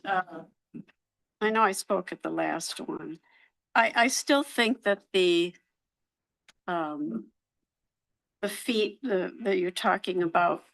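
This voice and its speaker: A woman resident giving public comment at a council meeting in council chambers, hesitant with many pauses and restarts. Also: lowish voice, vocal fry, fairly bright tone, poor audio.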